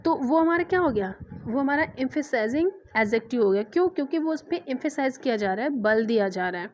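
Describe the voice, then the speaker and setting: A young woman teaching English grammar, explaining in Hindi and reading English examples slowly with strong emphasis. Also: sits high, animated, low-quality recording. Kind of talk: classroom grammar lesson.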